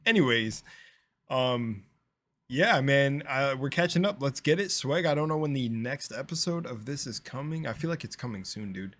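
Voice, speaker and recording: A young man with a slight lisp hosts a casual reaction video at a normal speed. His medium-pitched, expressive voice rambles through plenty of fillers, swinging between loud bursts and quiet mumbles.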